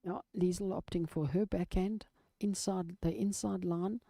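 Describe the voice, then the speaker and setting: A woman giving live lawn bowls commentary in a measured golf-style manner, describing each shot in short phrases. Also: on the low side, steady tone, creaky, mellow, no room sound, clean studio sound.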